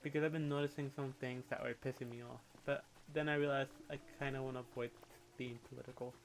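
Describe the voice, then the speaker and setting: On a rough recording with a bit of hiss or hum, a young Puerto Rican man's medium-pitched, fairly flat voice carries his livestream chatter. Accented and outspoken, he readily launches into rants and swears casually as he shares his frank opinions.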